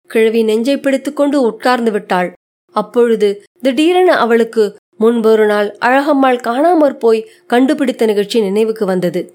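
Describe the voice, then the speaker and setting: A woman narrating a short story in a measured, expressive reading. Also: on the high side.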